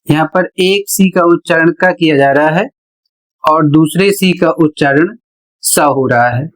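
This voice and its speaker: A woman teaches pronunciation rules at a very unhurried pace, spelling each word out letter by letter. Her voice sits a bit low, and she explains every exception with patient care. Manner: spells out letters slowly and carefully. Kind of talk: slow instructional explanation.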